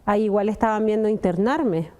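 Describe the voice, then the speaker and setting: A woman's voice: mid-range voice, fairly quick, darkish tone. A young adult woman, giving an earnest personal testimony and often addressing the pastor. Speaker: testimony guest.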